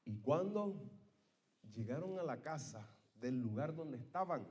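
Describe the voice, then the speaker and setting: Man pastor, high voice, dramatic sermon storyteller, swings from shouts to hushed asides, prompts amens. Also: expressive, measured pace. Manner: calls the congregation for amens.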